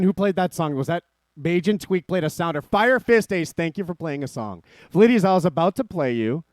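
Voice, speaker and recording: A male stream host rambles on to his chat in a high, lively voice that swoops up and down. He swears freely and jumps from topic to topic. The sound is dry and close. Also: no room sound. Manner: profane, rambling, addresses chat as ladies. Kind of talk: casual live-stream commentary.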